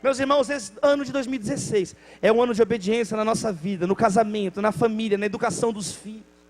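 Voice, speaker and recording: A Brazilian man with a very high voice preaches with fervor and acts out the voices in his stories. His delivery carries the rhythm of the pulpit, and a faint mains hum sits under the recording. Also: fast. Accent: Brazilian Portuguese. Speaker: pastor. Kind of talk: sermon.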